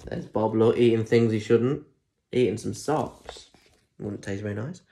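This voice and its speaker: A young adult man with a British accent, a primary school story reader, expressively reads a children's picture book and chats directly to listeners with asides. His fairly low voice is dark, steady in tone, a little slow, and has vocal fry. He's recorded in a small room at home on a phone or tablet held at arm's length.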